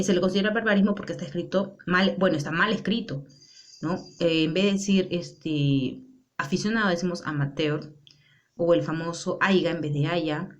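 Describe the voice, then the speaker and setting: A woman's voice: lowish voice, muffled recording. A woman teacher explaining a language lesson, often checking in with rhetorical questions. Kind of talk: classroom lesson.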